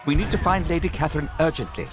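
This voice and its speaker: A man's voice: a little high, fast talker, noisy background, natural voice. A man playing a loyal medieval retainer, guiding his lord with deferential, earnest urgency in a game. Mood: urgent. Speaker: tutorial guide. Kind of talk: game character instructions.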